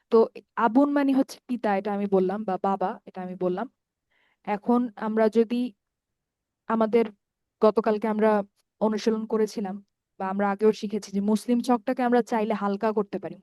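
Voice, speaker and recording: A woman's voice: medium pitch, mellow, no room sound. Patient woman teaching Arabic grammar. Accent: Bangladeshi Bengali. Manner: patient, explains step by step, often checks with "ঠিক আছে?"; repeats word forms slowly and draws out long vowels. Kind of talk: online grammar lesson.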